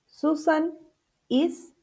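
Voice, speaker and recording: A woman's voice: high voice, steady tone, extremely slow, gravelly, mellow. A woman teaching an English grammar lesson in two languages, spelling out letters, repeating each example and checking in with her class through questions.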